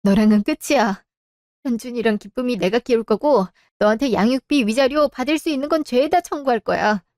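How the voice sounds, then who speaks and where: Woman voice actor, radio drama wife telling off her husband, kinda high voice, dry close mic. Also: a little fast, no echo. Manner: sharp, cold confrontation.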